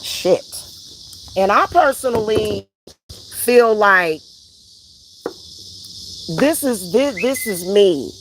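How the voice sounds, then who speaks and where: A woman speaks in a heated personal rant, hammering her points with repetition and swearing. Her voice sits at a middle pitch. Faint crickets and insects chirp behind her outdoors. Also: animated, drawn-out words, pauses often, background noise. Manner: emphatic, repetitive, profane. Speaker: vlogger and spiritual reader.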